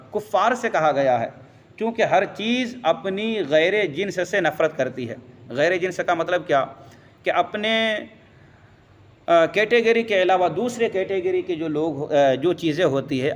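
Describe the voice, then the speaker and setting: A man's voice: sits high, long reverb tail, a little hiss or hum. A man giving a religious lesson who explains step by step, quotes Arabic verses and answers his own questions. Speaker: religious teacher.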